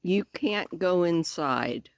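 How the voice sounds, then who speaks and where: A woman chatting casually in a vlog, with a slight lisp and careful, halting speech as she talks around newly fitted false teeth. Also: on the low side, expressive. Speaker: vlogger giving a personal update.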